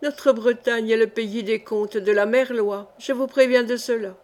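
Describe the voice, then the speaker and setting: A woman's voice: on the high side, fairly even intonation, unhurried, a little mellow, close to an everyday voice. A woman reading the lines of a poor young orphan man who mocks old legends, in an audiobook. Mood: mocking. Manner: light, teasing storyteller.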